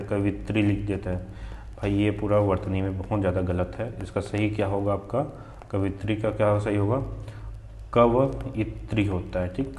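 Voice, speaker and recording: A Hindi teacher from Chhattisgarh with a regional accent drills exam spellings, asking questions and answering them himself. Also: male voice, fairly low pitch, mellow, echoey room, slight background noise. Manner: repetitive drilling, asks then answers himself. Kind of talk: spelling lesson for exam students.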